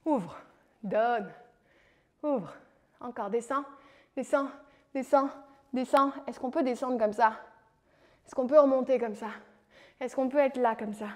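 A woman's voice: a little high, unhurried, pauses often. A woman from France coaching a home leg workout, calling out moves and counting reps with playful encouragement. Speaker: fitness coach. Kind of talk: guided home workout instruction.

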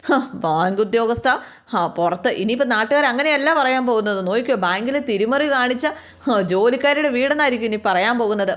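A woman's voice: on the high side, expressive, fast talker, natural voice. A woman voicing an angry, domineering middle-aged bank officer who scolds and accuses her maid. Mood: angry scolding.

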